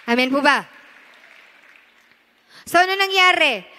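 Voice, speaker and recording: A Filipino woman pastor preaches with a high, bright voice, switching between Tagalog and English. She swings between loud emphatic lines and hushed, intense ones. Her sermon carries a long reverb from a large church hall. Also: animated, slow pace, a faint crowd.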